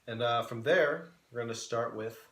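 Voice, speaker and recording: A man co-hosting a cooking show in a kitchen, playfully pitching the dish while listing ingredients in casual chat. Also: normal speed, fairly bright tone. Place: kitchen studio. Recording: echoey kitchen room.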